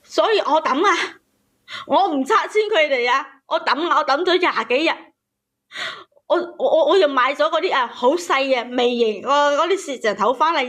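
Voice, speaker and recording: A woman with a Cantonese accent and a high, slightly bright voice calls in to a show to tell her own story. She is agitated and emphatic, repeating her phrases again and again as she speaks emotionally.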